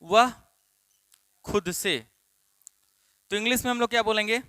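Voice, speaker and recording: His voice sits high, unhurried, bright, forceful, and smooth on a dry recording. This Bihari-accented man from Bihar teaches a spoken English class, drilling students by posing the same questions repeatedly.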